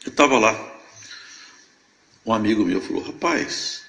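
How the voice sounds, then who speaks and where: Older man with a gravelly voice giving a testimony. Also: medium pitch, lively intonation, moderate pace, fairly bright tone, echoey room, rough recording. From Brazil, Minas Gerais. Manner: storytelling that acts out remembered dialogue. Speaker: church member giving testimony. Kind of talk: emotional church testimony.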